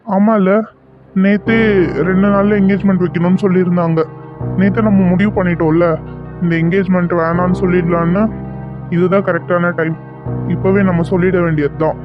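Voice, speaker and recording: A man voicing a calm, matter-of-fact young man in a cartoon serial. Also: high-pitched, normal speed, pauses often, close to an everyday voice. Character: young man, shopkeeper and police officer. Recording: dull lo-fi with music.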